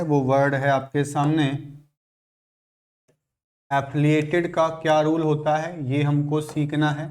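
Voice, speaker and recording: A male teacher giving a grammar lesson for exam prep, restating each rule slowly and repeating himself. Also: a little high, darkish tone. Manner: slow, repetitive explaining, restating each rule.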